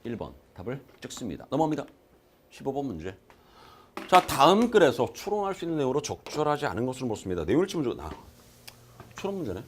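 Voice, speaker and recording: A man's voice: medium pitch, sing-song, fast, slight background noise. A male exam-prep lecturer giving a recorded class. He talks emphatically, asks his students questions and answers them himself, and repeats key terms to drill them. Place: lecture room.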